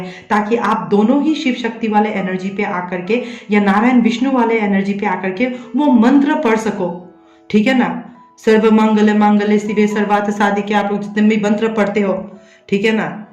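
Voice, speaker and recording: A woman's voice: mid-range voice, a little mellow. Female tarot reader, a mid-range voice, coaxing and repetitive, recorded in an echoey room. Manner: coaxing, repeats a tag question to check the listener follows. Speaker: tarot reader and psychic medium. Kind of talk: addressing viewers directly in a tarot reading.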